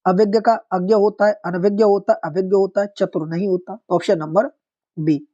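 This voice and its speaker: Methodical teacher with a mellow tone. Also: mid-range voice, fairly even intonation, moderate pace. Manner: methodical, repeats each corrected word, addresses students directly. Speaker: Hindi exam-prep teacher. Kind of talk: exam-prep lesson going through practice questions. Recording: dull lo-fi recording.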